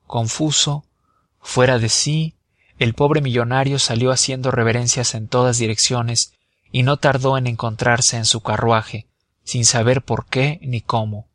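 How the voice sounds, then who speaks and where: A man reading a novel aloud as an audiobook narrator, measured and expressive. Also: mid-range voice, dry recording. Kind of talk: scripted narration.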